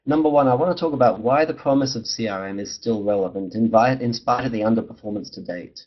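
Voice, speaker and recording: A man with a husky voice presenting a webinar in a measured, hesitant way with pauses mid-phrase. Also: mid-range voice. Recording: dull lo-fi webinar audio.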